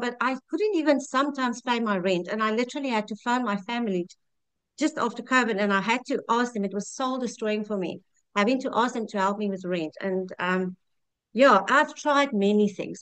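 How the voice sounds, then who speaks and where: A woman's voice: on the high side, a bit bright, clear, resonant tone, no echo. A South African woman in her fifties telling her own story in a candid, heartfelt way, often restarting her sentences. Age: 50s. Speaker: customer sharing a testimonial. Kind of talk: personal testimonial.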